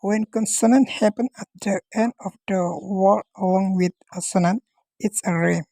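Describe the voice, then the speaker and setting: A woman gives her part of a class presentation, reading her notes aloud in a steady explaining way. Her voice is mellow and soft-edged. The recording is dry and close. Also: mid-range voice, moderate pace, vocal fry, dry recording, poor audio. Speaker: student presenter.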